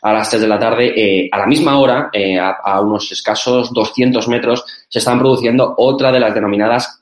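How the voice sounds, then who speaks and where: A man giving his opinions in a rapid, chatty way on a talk show. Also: medium pitch, fairly even intonation. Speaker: political commentator. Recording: roomy echoey sound.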